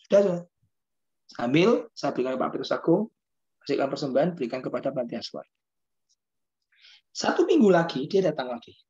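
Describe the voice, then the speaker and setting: A pastor, a man, telling a testimony during a sermon in an animated storytelling manner, with quick retorts. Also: mid-range voice, breathy edge, muffled recording.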